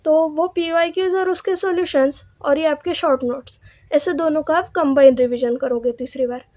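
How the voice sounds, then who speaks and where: A woman's voice: high voice, fairly even intonation, moderate pace, darkish tone, no room sound. A young woman from Maharashtra gives exam revision advice. She explains each step and asks herself rhetorical questions along the way. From Maharashtra, India. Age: young adult. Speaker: student giving exam advice. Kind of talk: casual advice vlog.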